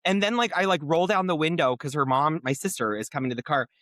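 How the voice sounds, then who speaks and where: Animated storytelling man, lively pitch. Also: fast talker, no room sound, clean studio sound. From Nebraska. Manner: animated, giggly storyteller who jumps high when excited. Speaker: podcast co-host. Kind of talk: casual storytelling chat.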